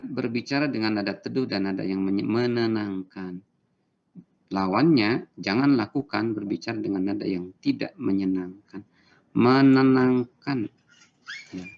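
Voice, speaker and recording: Gravelly male lecturer, lo-fi recording. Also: on the low side, measured pace, pauses often. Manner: explanatory, gives everyday examples, acts out short quotes. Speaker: university lecturer.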